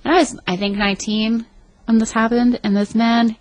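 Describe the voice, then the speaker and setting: A woman co-hosting a podcast, telling stories in casual chat with wry jokes and quick asides. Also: a little high, little pitch movement, darkish tone. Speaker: podcast co-host. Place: apartment.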